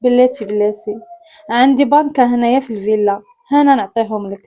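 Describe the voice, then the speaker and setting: A woman's voice: on the high side, fast talker, warm tone, soft background music, close to an everyday voice. A woman with a Moroccan accent voicing an arrogant, hot-tempered rich man who talks in curt, mocking lines in a story. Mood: scornful. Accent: Moroccan Arabic. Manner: scornful, curt.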